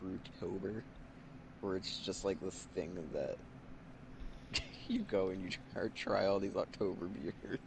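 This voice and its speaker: Young man, podcast co-host, gravelly voice, crude joking, noisy recording. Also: low-pitched, steady tone. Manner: crude joking, quick quips. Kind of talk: casual chat.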